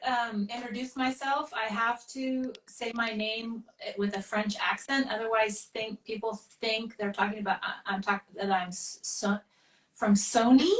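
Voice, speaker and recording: Woman, 40s, from California, artist guest; rambling, halting delivery; roomy, slightly distant video-call sound. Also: on the high side, fairly even intonation, fairly bright tone. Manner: rambling, halting, laughs often. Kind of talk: casual interview chat. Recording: roomy, a bit off-mic.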